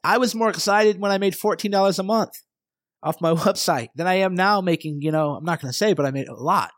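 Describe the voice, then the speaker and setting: A man's voice: sits high, fairly quick, no echo, clean studio sound. A middle-aged man hosting his own podcast, talking alone with passion and emphasis and a fired-up manner. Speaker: podcast host. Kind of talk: solo motivational podcast monologue.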